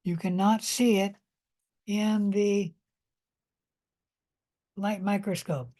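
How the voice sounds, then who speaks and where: A woman gives a recorded biology lecture at a slow, deliberate pace. She explains carefully, pausing often and restarting sentences with fillers. Her pitch sits in the middle range. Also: fairly even intonation, mellow.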